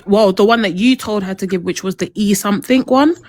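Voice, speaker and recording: A woman's voice: medium pitch, brisk, a little mellow. A woman in a heated live online argument, pressing challenging questions in slangy speech.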